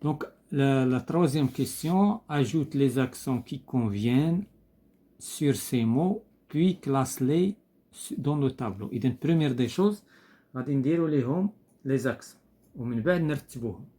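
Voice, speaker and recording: A man with a Moroccan Arabic accent explains a French textbook exercise step by step, his pitch even throughout. As a teacher he is methodical and patient, repeating each example word and lingering on small, hesitant fillers.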